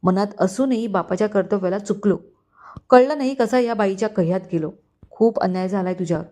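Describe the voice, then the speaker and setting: A woman's voice: medium pitch, fairly quick, warm tone, close to an everyday voice. A woman voicing a remorseful middle-aged father who pleads with his son, choked with emotion, in a storybook reading.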